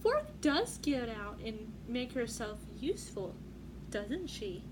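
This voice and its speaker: A woman voicing a gentle, reassuring mother spoon in a children's picture book, soothing and encouraging. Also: fairly high pitch, big pitch swings, takes it slowly. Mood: sympathetic. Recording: clearly noisy room background.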